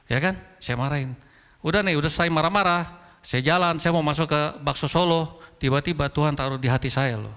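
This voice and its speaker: Animated man preaching in a hall. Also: on the high side, fast, clear, resonant tone. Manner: animated storytelling, acting out dialogue, addressing congregation as "saudara". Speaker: pastor. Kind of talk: sermon. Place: large church hall. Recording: long hall reverb.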